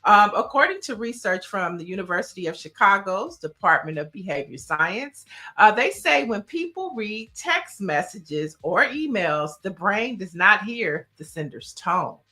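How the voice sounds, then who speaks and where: A woman co-hosting a casual talk show, chatting in an animated, talkative way and laughing often. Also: mid-range voice, unhurried. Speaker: co-host. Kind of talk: casual chat.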